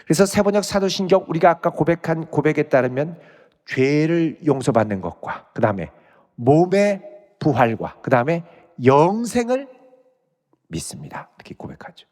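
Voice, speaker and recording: A man's voice: a little high, big pitch swings, moderate pace, darkish tone. A male pastor giving an expository sermon, reading scripture aloud and explaining it verse by verse. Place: church sanctuary. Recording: church sanctuary with long reverb.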